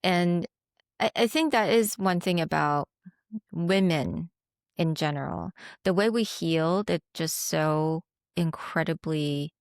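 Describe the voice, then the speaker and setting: A woman hosting a podcast, asking questions in a warm, admiring, unhurried way. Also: on the low side, creaky, dry recording, studio quality. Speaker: podcast host. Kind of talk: casual interview chat.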